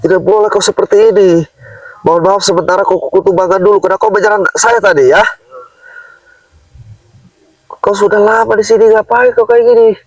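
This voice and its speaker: A man's voice: high-pitched, steady tone, fairly quick, pauses often, no room sound, recorded from a distance, poor audio. Stern man leading an exorcism. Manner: stern questioning, frequent Islamic exclamations. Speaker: exorcist, host. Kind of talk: exorcism session.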